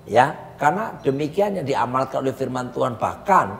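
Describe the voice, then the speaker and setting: A male pastor preaching with steady emphasis in a mid-pitched voice, teaching his point with conviction. His voice rings with a long reverb, and faint room hum sits underneath. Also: normal speed, vocal fry. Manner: emphatic preacher, repeats partner's phrases. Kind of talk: conversational sermon teaching. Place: coffee lounge.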